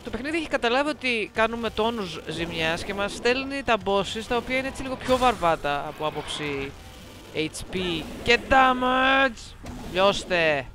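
A woman's voice: mid-range voice, lively intonation, hardly any pauses, noisy background. A woman giving casual let's-play commentary, playful and teasing as she chats to viewers on a close microphone. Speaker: gameplay commentator. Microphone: close desk microphone.

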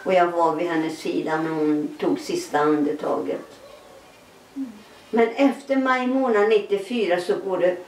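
A middle-aged woman giving a personal testimony in an interview, telling her story with animated, laughing re-enactments of dialogue. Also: fairly low pitch, echoey room, distant mic, a little hiss or hum, rough recording.

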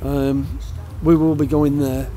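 Older male football manager, post-match chat; warm, slightly high voice, halting delivery. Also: flat delivery. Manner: halting, repeats words, plain-spoken. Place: empty outdoor stadium stand.

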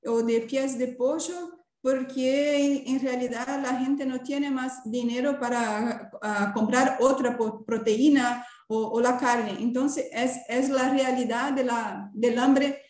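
Over an echoing, roomy video call from an indoor room, an academic presenter delivers a seminar while hesitantly looking for the right words. She is in her thirties, a native Portuguese speaker with a Brazilian accent. Her voice sits high and sounds a little mellow, with a steady tone, slow pace and few pauses.

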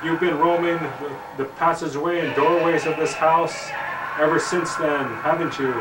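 A man acting as a medium who questions a ghost in a low-budget amateur movie, solemn and halting. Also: fairly even intonation, background noise. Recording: echoey room, distant mic, loud music.

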